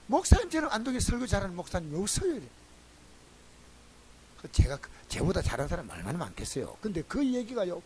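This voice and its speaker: The recording is poor, with a little hiss or hum, as a high-voiced pastor preaches in a Gyeongsang Korean accent. He tells his congregation folksy stories in an animated way.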